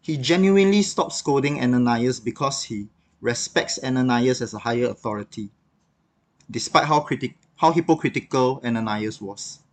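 A man's voice: medium pitch, normal speed. Reflective man giving a devotional talk. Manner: reflective, conversational teaching with occasional fillers. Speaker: devotional speaker.

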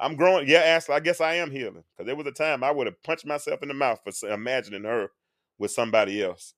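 This forties-aged host, interviewed during a live-stream talk, has a medium-pitched, fairly bright voice and talks fast. His delivery is sermon-like and earnest, with the odd phrase sung aloud, captured in studio quality with no room sound.

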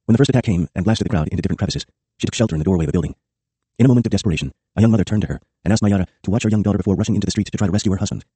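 A man reading a first-person memoir as an audiobook, brisk and matter-of-fact. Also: sits low, warm tone, husky, no echo. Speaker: audiobook narrator.

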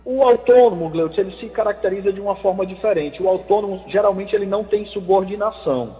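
A man's voice: high-pitched, faint music behind. Man explaining law over the phone. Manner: measured, explanatory. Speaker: labor lawyer guest. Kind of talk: expert answering on a radio call-in show. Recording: thin phone line with long reverb.

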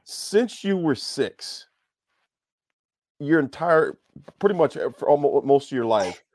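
A man hosting a sports radio show from a studio, chatting loosely with halting restarts. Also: a little high, very animated, a little mellow, no echo. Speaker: radio host. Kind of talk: casual sports radio talk.

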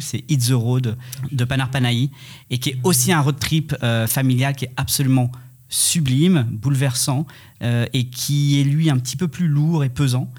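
A man co-hosting a film podcast in a mid-range voice. He is soft-spoken and halting and often trails off into fillers. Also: mid-range voice. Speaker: podcast co-host. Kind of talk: casual chat.

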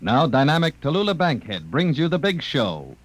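A male radio announcer giving a formal, measured sign-off, heard as an old broadcast disc transcription. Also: a little high, sing-song. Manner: measured, drawn-out sign-off delivery. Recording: muffled distant old broadcast disc with hiss and music.

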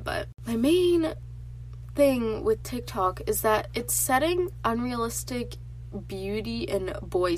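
On her casual solo podcast, a teenage girl talks chattily in a mid-range voice, nasal and congested from allergies and full of filler words. The recording is low quality with a little hiss or hum.

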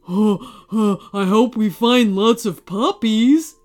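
A woman's voice: medium pitch, slow pace, darkish tone, natural voice. A woman voicing a dim-witted, timid male burglar in a storybook reading, whiny and stammering.

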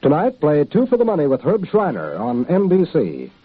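A man making a formal, crisp 1950s station announcement, heard from an old broadcast transcription disc. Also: on the high side, wildly swooping pitch, normal speed, a little hiss or hum. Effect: old broadcast disc recording. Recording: tinny distant old radio transcription.

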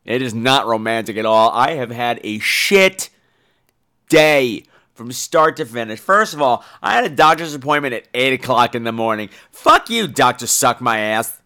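A man with a mid-range voice, speaking at normal speed, hosts a horror podcast and rants casually and solo about his day. He's profane, exasperated, and animated, and he's losing his voice to a coming cold.

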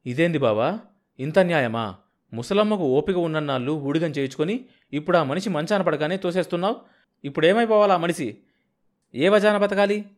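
Scornful brother-in-law, played by a man, harsh, raised voice, sharp-tongued, audiobook character. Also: on the high side, brisk, pauses often, voice pushed up, close to an everyday voice.

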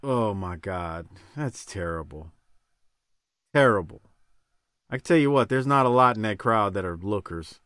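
Animated man hosting a bright, casual podcast. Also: fairly low pitch, measured pace, pauses often, smooth, no echo, clean studio sound. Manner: animated, jokey. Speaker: podcast host. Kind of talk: casual recap chat.

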